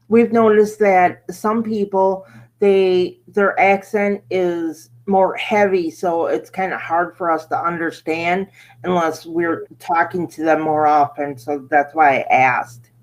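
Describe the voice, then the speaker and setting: An American woman hosting a casual chat in a relaxed, friendly way. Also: on the low side, takes it slowly. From United States. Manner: friendly, easygoing, laughs often.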